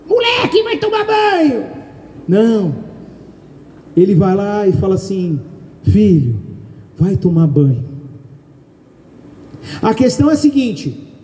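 High-voiced Brazilian preacher in echoey hall. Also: male voice. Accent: Brazilian Portuguese. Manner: loud, calls out questions to the congregation. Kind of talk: sermon. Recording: echoey hall, long reverb.

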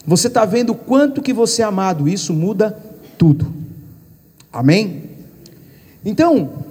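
A middle-aged man with a Brazilian Portuguese accent preaches a sermon, weaving in stories from his own life. His voice sits high for a man and carries a long echo through the church hall. He speaks straight to the congregation as he goes. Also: sing-song, a little slow, mellow, husky. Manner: storytelling preacher, addresses the congregation directly. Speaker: pastor.

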